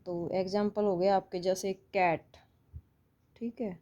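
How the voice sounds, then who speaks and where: A woman's voice: mid-range voice, flat delivery, a little slow, mellow, highs cut off. A woman with an Indian accent teaching English phonics online, explaining patiently and repeating each sound.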